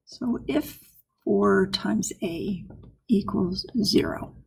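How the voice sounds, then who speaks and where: Woman math teacher, gravelly mellow voice, unhurried step-by-step explaining. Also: medium pitch. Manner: soft-spoken, explains step by step with frequent "right?" checks. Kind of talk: recorded math lesson.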